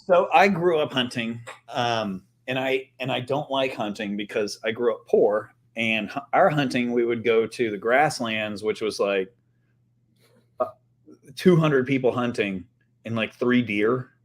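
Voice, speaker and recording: A man's voice: medium pitch, unhurried. A middle-aged man co-hosting a podcast, telling stories in a loose, joking way with some swearing. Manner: storytelling, laughing and swearing. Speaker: podcast co-host. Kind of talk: casual chat.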